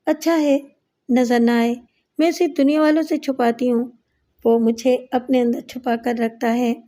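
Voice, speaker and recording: A strange, secretive young woman speaks coyly and dreamily in an audio crime story, read by a woman. Her voice is high and mellow, close to the reader's own. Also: fairly even intonation, lightly acted. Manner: coy, dreamy, dismissive. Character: odd, secretive young woman in love with a mirror.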